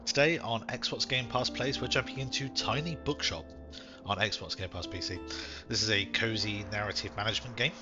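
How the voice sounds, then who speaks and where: A man giving casual, unhurried let's-play commentary and reading game text aloud. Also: on the low side, highs cut off. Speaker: gaming channel host. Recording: game music behind voice. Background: game music.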